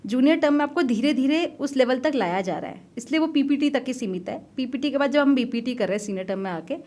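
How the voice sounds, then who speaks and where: A woman's voice: high-pitched, expressive, fast, a little mellow. A woman in her thirties, an army officer guest, telling stories animatedly, laughing often and mixing in English. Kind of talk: casual interview storytelling.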